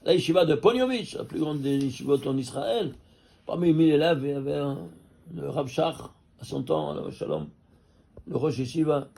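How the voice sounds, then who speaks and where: A man teaching a Torah class as a rabbi, an animated teacher who keeps quizzing his listeners. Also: a little high, gravelly. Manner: lively teacher quizzing listeners with quick questions. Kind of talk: Torah class on number mysticism.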